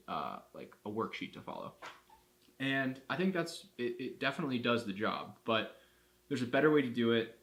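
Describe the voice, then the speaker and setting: A man who runs a marketing agency, talking casually to camera in a vlog and thinking out loud with frequent restarts. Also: lowish voice. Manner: rambling, thinking aloud with restarts. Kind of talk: casual day-in-the-life vlog.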